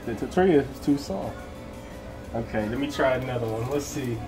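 A man's voice: animated, moderate pace, over music. A man chatting playfully in a home kitchen while he cooks, jokey and upbeat. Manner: playful, jokey, with sudden high exclamations. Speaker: co-host, cooking learner. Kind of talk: casual cooking chat.

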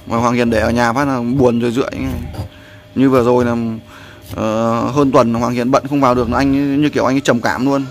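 A man's voice: medium pitch, little pitch movement, a little fast. A man, a vlogger who talks in a rambling way to his viewers and coaches a friend as they cook outdoors. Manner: rambling, repeats "there" often, coaching someone. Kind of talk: casual vlog narration and instructions.

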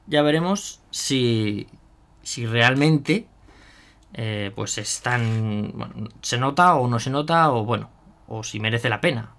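A man's voice: mid-range voice, a bit bright. A man chatting casually through a hands-on product demo, thinking aloud with fillers and asides to viewers. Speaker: miniature painting youtuber.

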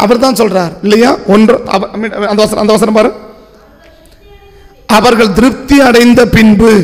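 High-voiced man preaching in a hall. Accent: Tamil. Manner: repetitive rhetorical questioning. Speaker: pastor. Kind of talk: sermon.

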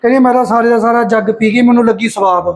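A man's voice: very high-pitched, fairly even intonation, fast talker. A young man acting an easygoing, resigned nephew in a village short drama, mild and conciliatory, with a Malwa Punjabi accent. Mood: mildly let down. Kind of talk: amateur short-film acting.

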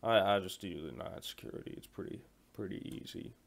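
This comedy skit performer speaks low and a little fast, with vocal fry. He plays a callous 40-year-old night security guard in a phone-call monologue, stammering, repeating himself and rambling in slang.

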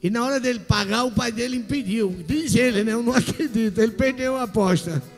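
A middle-aged Brazilian TV variety show host with a high-pitched voice talks fast into a handheld microphone on a large indoor studio stage. He is teasing and boisterous and repeats himself during playful on-stage interview banter. The hall is echoey, with music in the background.

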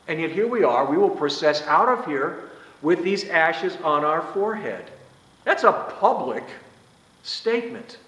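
Older male priest, slightly high voice, expressive delivery, roomy sanctuary sound. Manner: animated gestures, rising and falling emphasis. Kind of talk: sermon. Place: small church sanctuary, indoors. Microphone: far camera. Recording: echoey church room.

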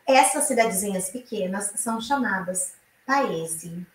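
A woman from Brazil teaching an online Italian lesson, explaining slowly and repeating each example aloud. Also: mid-range voice, animated, reverberant, distant mic, low-quality recording.

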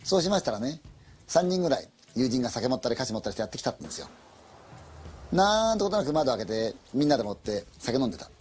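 Brief: quick, animated man spinning a spoken ghost story in a chatty, dramatic way. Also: mid-range voice, slight background noise. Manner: colloquial, conversational, dramatic.

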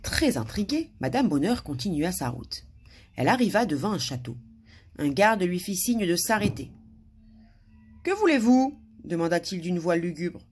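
A woman's voice: fairly low pitch, expressive, normal speed, a little hiss or hum. A woman reading a children's story aloud expressively, with small slips and restarts.

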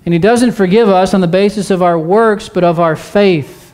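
A male pastor preaches a sermon in a church, earnestly urging listeners with repeated phrases and rhetorical questions to the congregation. His voice is high-pitched and a little mellow, at normal speed.

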